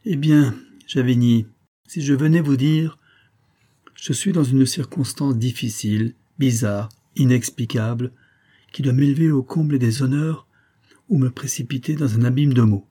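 A man's voice: medium pitch, a little slow, mellow, voice pushed up, lightly acted. A man reading the part of a grave, brooding young officer who speaks earnestly and solemnly in an audiobook. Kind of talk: audiobook character voice.

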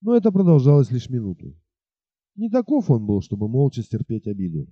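A man narrating an audiobook in an expressive storytelling manner. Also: medium pitch, fairly quick, slightly rough, no room sound, lo-fi sound.

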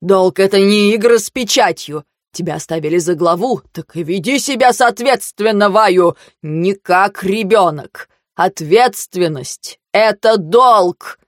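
A woman voicing a stern old male mentor who lectures and shouts in anger. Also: medium pitch, a little slow, few pauses, no room sound, studio quality, natural voice. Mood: shouting.

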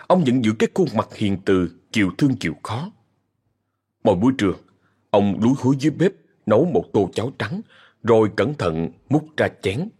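A man with a Southern Vietnamese accent narrating a horror story in a measured, ominous way. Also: lowish voice, darkish tone, husky.

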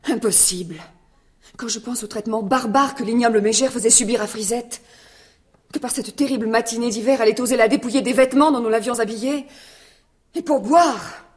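A woman's voice: on the high side, brisk, husky. An actress playing Adrienne, a kind and anxious lady in a radio drama, speaking earnestly and emotionally, at times in a whisper.

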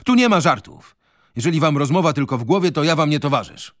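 A fiery, defiant young revolutionary, played by a male radio reader, declaiming with fervor in a raised, forceful voice. The sound is close and dry, with wide swings of pitch. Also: animated, unhurried, dry recording. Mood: fervent. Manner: fervent, declamatory. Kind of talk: radio reading of a novel.

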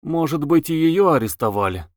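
A man's voice: fairly high pitch, moderate pace, no echo, clean studio sound, natural voice. A man voicing a young wife who answers in a cool, indifferent way, in an audiobook reading. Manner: flat, indifferent.

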